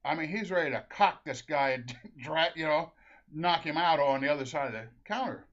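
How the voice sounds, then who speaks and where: In a fairly high-pitched, fairly bright voice at normal speed, a middle-aged man from Minnesota shares a casual, rambling story about his family. He laughs often and restarts his sentences. The recording is dull and lo-fi.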